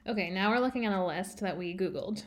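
A woman co-hosting a podcast in casual chat, wry and quick to laugh. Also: medium pitch. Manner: wry, laughing, reads aloud with loud emphasis. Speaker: podcast co-host.

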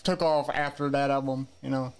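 A man's voice: mid-range voice, level tone, moderate pace, smooth. A man in his forties hosting a casual interview, chatty, repeating words as he asks friendly questions. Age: 40s. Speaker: host.

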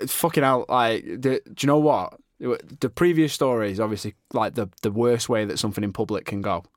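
Man, co-host, sweary and blunt, close dry mic, average pitch. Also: fairly quick, no room sound. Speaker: podcast co-host. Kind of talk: casual podcast chat.

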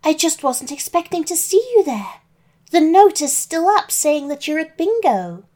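A woman's voice: high voice, sing-song, measured pace, voice pushed up. Little Red, as a woman puts her on. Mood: innocent, curious. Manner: bright, innocent questioning. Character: cheerful sweet young girl, Little Red.

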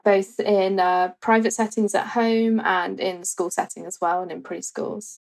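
Woman from England, short self-introduction, simple, mid pitch. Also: fairly even intonation, measured pace, creaky.

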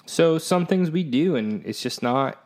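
A man's voice: on the high side, expressive, a little slow, darkish tone. A man co-hosting a casual Bible discussion, speaking plainly and in an easygoing way. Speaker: podcast co-host.

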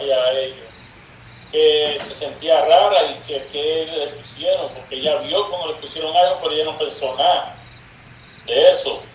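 Man, guest storyteller, raised pitch, echoey distant remote call. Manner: mixes English words into Spanish; acts out dialogue in his stories. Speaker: guest sorcerer sharing experiences. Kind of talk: casual storytelling interview. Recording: echoey distant call line with faint noise.

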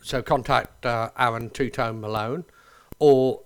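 A man's voice: medium pitch, steady tone, measured pace, smooth. A man who says w for r, hosting a casual radio chat in a colloquial, matey way. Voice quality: can't pronounce R, says w for r. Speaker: radio host. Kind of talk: casual chatty radio interview.

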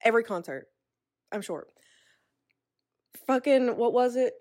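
A woman's voice: a little high, expressive, unhurried, darkish tone. A young woman with a Missouri accent, a podcast guest chatting casually. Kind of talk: casual chat.

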